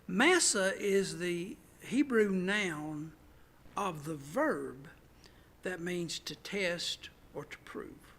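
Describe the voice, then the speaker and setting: A man, a pastor, teaching a Bible study, stressing words loudly and then dropping to hushed asides. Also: high-pitched, animated, very slow. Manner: emphatic, swings from loud stresses to hushed asides. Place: church.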